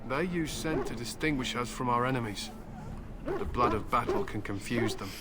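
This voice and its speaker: Over very noisy surroundings and loud game music, a man with a natural, medium-pitched voice and lively intonation speaks at normal speed. He voices a stern human warrior and grim hunter with war hounds, solemn and curt, proudly recounting battle and his hounds.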